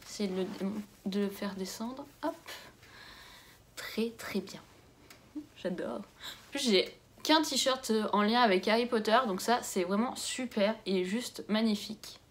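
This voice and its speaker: A young woman chatting casually as she unboxes a book swap, gushing over each gift and muttering softly to herself in between. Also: medium pitch, slow. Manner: gushing, exclamatory. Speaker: book vlogger.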